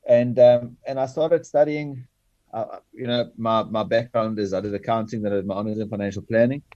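A South African man with an Afrikaans accent, a native Afrikaans speaker, explaining himself earnestly and haltingly in an interview. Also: fairly low pitch, steady tone, dark tone, no echo, highs cut off. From Bloemfontein, South Africa. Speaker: guest, sports franchise chief executive. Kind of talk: reflective interview talk.

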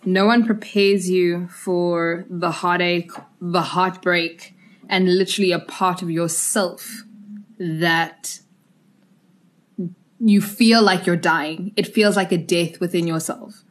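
A woman's voice: fairly low pitch, fairly even intonation, slow pace. Reflective woman hosting a podcast. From Zimbabwe, raised in South Africa. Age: about 30. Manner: reflective, earnest. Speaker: podcast host. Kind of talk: conversational podcast interview.

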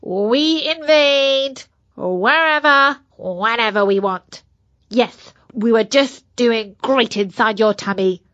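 Brief: swaggering, drawn-out, smug tiny virus villain, a woman putting him on, storybook. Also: a little high, a bit bright, dry recording, muffled recording. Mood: boastful. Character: mean, boastful little male virus, pirate-like.

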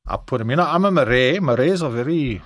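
A man's voice: medium pitch, animated, fast, fairly bright tone, dry recording, clean studio sound. A middle-aged South African man with a South African English accent, frankly telling his personal testimony as an interview guest. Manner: candid, frank storytelling.

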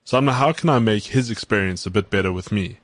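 A man's voice: fairly low pitch, fast, no echo. A man in a casual chat, earnest, explaining his views with everyday examples and a few stumbling starts.

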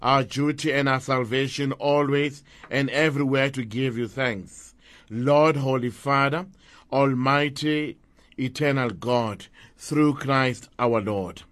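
A man's voice: mid-range voice, fairly even intonation, slow pace, fairly bright tone, dry recording. A man speaking as a priest at Mass, reciting liturgical prayers in a solemn, formal way.

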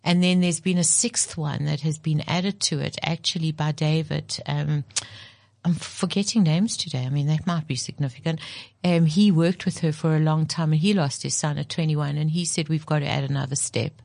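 A middle-aged woman psychologist from South Africa talks reflectively in an interview, with a somewhat low voice and a dry, close sound. She repeats phrases for emphasis. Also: steady tone, moderate pace, creaky, darkish tone, no echo. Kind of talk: in-depth interview conversation.

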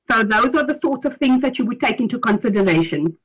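A woman acting as legal advisor, explaining a point in a formal meeting in a measured way. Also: a little high, expressive, fairly bright tone, husky, poor audio.

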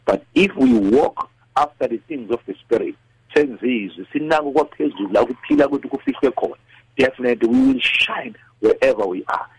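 A man's voice: medium pitch, a little fast, husky, poor audio. A South African man speaking devotionally as a discussion guest, moving between English and a Nguni language. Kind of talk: devotional talk.

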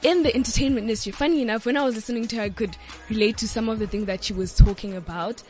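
A woman's voice: a little high, rapid-fire, a little mellow, faint music behind. A young woman from Johannesburg with a South African accent, answering interview questions in a radio studio, bubbly and full of fillers. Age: young adult. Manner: bubbly, many "yes" and "like" fillers. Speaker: studio guest, student and model.

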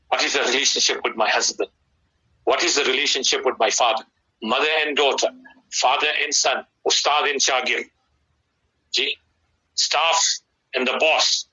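A man's voice: medium pitch, sharp tone, husky. A middle-aged man with a South African Indian accent gives conversational religious advice in an emphatic, preacherly way, repeating key phrases. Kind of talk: conversational radio sermon. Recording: slightly dull radio broadcast sound.

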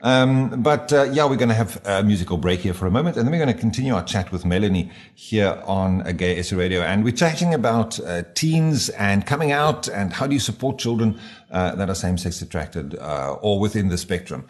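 Man, South African accent, fairly low pitch, radio host, conversational interviewing. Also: lively intonation, a little fast.

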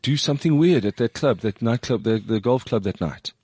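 A male podcast host with a lively, bouncing voice, teasing his guests and laughing often as he runs the show. The studio sound is dry and close. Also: mid-range voice, fairly quick, husky, no room sound. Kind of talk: casual chat. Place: radio studio.

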